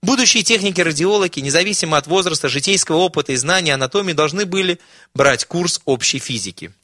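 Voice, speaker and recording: A man's voice: on the high side, lively intonation, fast, sharp tone, no echo, studio quality. A man reading a wry audiobook story aloud as narrator. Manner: wry storytelling, voicing characters. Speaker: audiobook reader. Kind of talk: scripted narration.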